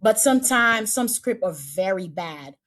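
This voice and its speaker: A woman's voice: medium pitch, lively intonation, measured pace, a bit bright. A woman casting director chatting in an interview, repeating and restarting her phrases as she talks. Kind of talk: casual interview chat.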